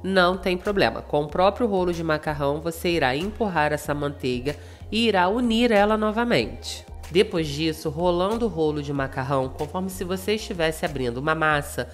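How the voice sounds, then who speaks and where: A Brazilian woman with a slightly low voice that sounds thin, reedy and cracked from flu. She guides viewers through a recipe in polite, scripted steps. Music plays faintly behind her narration. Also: brisk, hardly any pauses. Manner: polite, instructional address to viewers. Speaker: cooking channel host.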